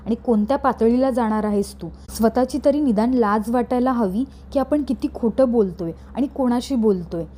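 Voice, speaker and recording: A woman's voice: a little high, moderate pace, hardly any pauses, warm tone, natural voice. A woman reading the lines of an angry grown man who defends his wife, in her own narrating voice. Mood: scolding. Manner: scolding.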